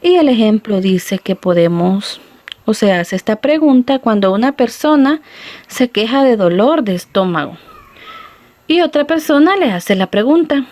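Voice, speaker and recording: A woman teacher giving a recorded lesson to schoolchildren, talking slowly and patiently and calling them little friends. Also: a little high, expressive, no echo. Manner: slow, patient, addressing children warmly as little friends. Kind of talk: recorded classroom lesson for children.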